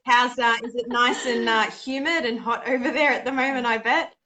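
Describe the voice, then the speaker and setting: A woman's voice: fairly high pitch, steady tone, normal speed, sharp tone. A woman hosting a podcast interview, encouraging her guest and often answering with "beautiful". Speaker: podcast host.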